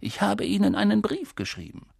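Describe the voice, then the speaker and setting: Calm old wizard guy, reader doing the voice, slow and soft, husky, dry sound. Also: medium pitch, no room sound, voice pushed up, full character voice. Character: old male wizard headmaster, calm and gentle.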